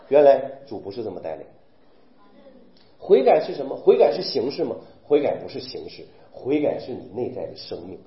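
A man preaching a sermon, firing rhetorical questions and acting out weeping believers. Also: fairly high pitch. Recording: roomy, dull recording.

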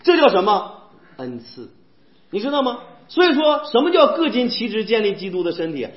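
A man preaching a sermon in a church, animated and firing rhetorical questions at the congregation. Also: sits high, fairly quick. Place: church hall. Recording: echoey, dull church hall recording.

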